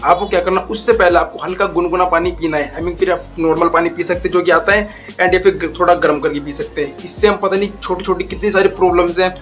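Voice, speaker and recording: A young man giving a casual spoken tutorial, talking slowly and deliberately and calling his viewers guys and bro. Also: sits high, fairly even intonation, a bit bright, faint music behind. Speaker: YouTube voice coach.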